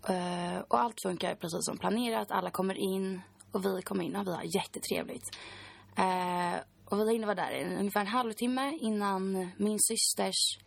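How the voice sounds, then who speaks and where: A woman's voice: medium pitch, gravelly. A woman in her twenties, a podcast guest, recounting a personal story in a chatty way full of fillers.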